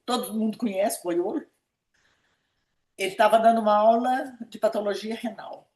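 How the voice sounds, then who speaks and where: Speaking at a normal speed, this woman has a mid-range, somewhat dark voice with a steady tone. She is around seventy, a pediatric nephrologist with a Brazilian Minas Gerais accent, reminiscing in a conversational interview and repeating words for emphasis, recorded with echoey room sound.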